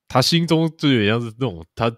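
A man with a medium-pitched, expressive voice talks fast as he co-hosts a podcast. He chats about a TV series in a loose, rambling manner, heavy on fillers and repeated agreement. The sound is studio quality, free of room noise.

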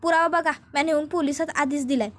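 A woman's voice: sits high, fairly even intonation, fast, close to an everyday voice. A woman voicing a feisty young village woman farmer who scolds in blunt rustic speech. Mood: defiant scolding.

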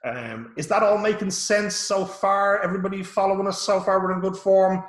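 A man's voice: high voice, moderate pace, reverberant. A man with an Irish accent giving a casual online workshop from home, talking informally with many fillers and restarts. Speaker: workshop presenter. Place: home room. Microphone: video call.

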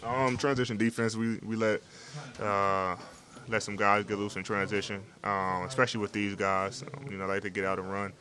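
A man's voice: lowish voice, flat delivery, normal speed, pushed and bright. A young man, a basketball player, answering reporters' questions in a locker room after a game, laid-back and full of fillers. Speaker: basketball player at postgame interview. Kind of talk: postgame press interview. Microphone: several handheld reporter mics.

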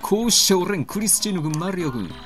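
A pompous old scholar, as a man puts him on, speaking in stiff archaic phrases like a samurai lord. The voice is bright and sings up and down. Faint game music plays behind. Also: high voice, lively intonation, quick pace, pitched above the performer's own voice. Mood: urgent.

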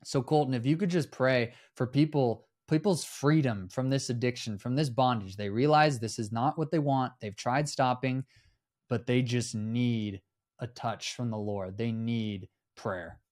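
A man's voice: mid-range voice, measured pace, darkish tone. A man hosting a faith talk, speaking earnestly and in a teaching tone. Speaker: host.

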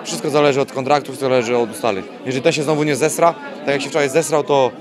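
A man's voice: medium pitch, fairly even intonation, very fast. A young man, a fighter being interviewed after a weigh-in, talking bluntly with swearing and repeating himself. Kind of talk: casual post-weigh-in interview. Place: busy event press wall, indoors. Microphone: handheld mic held by interviewer. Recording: loud crowd chatter behind.

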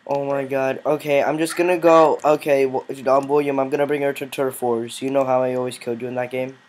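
A man's voice: medium pitch, level tone, brisk, a little hiss or hum. A male gaming host giving casual commentary on a game with friends, teasing and bossy, often breaking into laughs.

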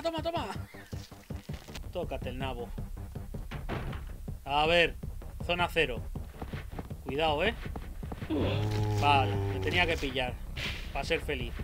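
Young man, Spanish accent, let's play commentary, high voice, swings up and down a lot, game music behind. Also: normal speed, long pauses. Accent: Spanish (Spain). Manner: excitable, swears often, shouts at enemies. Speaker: gameplay streamer.

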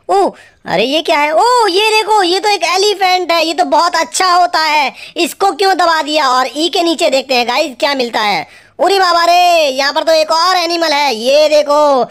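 A woman narrating a toy play video for children, full of excited exclamations and playful scolding of the toys. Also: high-pitched.

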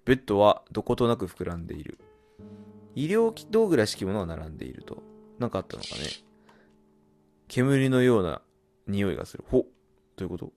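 A man doing horror game commentary, muttering and reading game text aloud, then bursting into loud startled yelps. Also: on the low side, big pitch swings, fairly quick, pauses often, soft background music. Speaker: let's play gamer.

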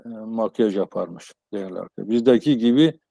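A man in his sixties giving an informal academic lecture as a professor, explaining haltingly on a video call. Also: fairly low pitch, creaky, dark tone, no room sound. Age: 60s. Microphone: earphone headset on a video call.

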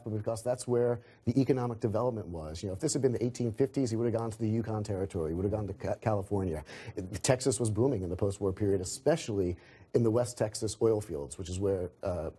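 Brief: male panel historian, quick and dark-toned, explanatory. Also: on the low side, husky. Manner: explanatory, lecturing. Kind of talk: panel discussion.

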